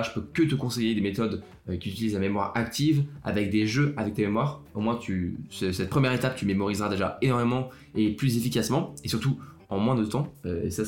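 A man's voice: on the low side, a little mellow. A young man hosting a casual student podcast, talking straight to the listener in a chatty way, often restarting his sentences. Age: young adult. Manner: chatty, speaks directly to the listener, hesitant restarts. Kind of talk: casual solo podcast talk. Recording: roomy echo with faint music.

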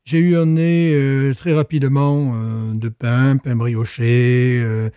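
A man's voice: mid-range voice, flat delivery, slow, warm tone, smooth, dry recording, studio quality. A man chatting casually while tasting beer, joking and playing with words between hesitant fillers. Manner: jokey, wordplay, hesitant fillers. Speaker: beer taster. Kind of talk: casual chat.

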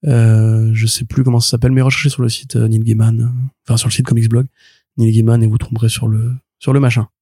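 A man chatting on a comics podcast, full of restarts and "euh" fillers. He speaks quickly, with a mellow, warm tone. The recording is dry and close. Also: medium pitch, little pitch movement, slightly rough, no room sound. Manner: rambling, many restarts and fillers, enthusiastic. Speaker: podcast co-host. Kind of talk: casual chat reviewing comics.

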